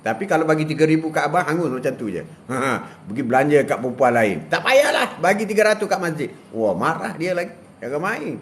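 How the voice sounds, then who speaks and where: An older man from Malaysia hosting a casual live stream, giving religious advice in an animated way, laughing and reading viewer comments aloud outdoors. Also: fairly high pitch, fairly quick, a little hiss or hum. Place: outdoors beside a plantation.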